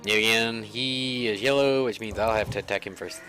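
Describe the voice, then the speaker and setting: Low-voiced man rambling over gameplay. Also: moderate pace, bright, forceful tone, soft background music. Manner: rambling, self-mocking, chatty. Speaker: let's play gamer. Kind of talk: casual gameplay commentary.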